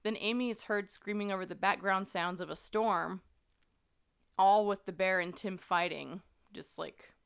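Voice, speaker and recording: A woman's voice: medium pitch, steady tone, unhurried, creaky, clear, resonant tone. A woman hosting a podcast, casually recounting a true-crime story with plenty of fillers and an earnest tone. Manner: conversational, many fillers, earnest. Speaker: podcast host.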